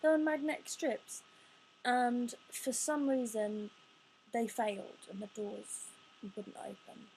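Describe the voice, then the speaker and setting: Gravelly young woman, halting confession. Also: fairly high pitch, little pitch movement, a little mellow, a little hiss or hum, rough recording. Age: 20s. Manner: halting, restarts, words rushing out. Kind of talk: personal confessional talk.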